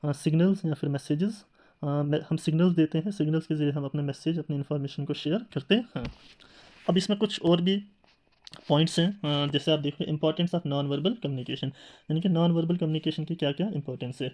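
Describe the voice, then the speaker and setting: A man delivers a classroom lecture in accented speech, his voice a little high with a darkish tone at a moderate pace. He explains things step by step, using rhetorical questions and filler sounds.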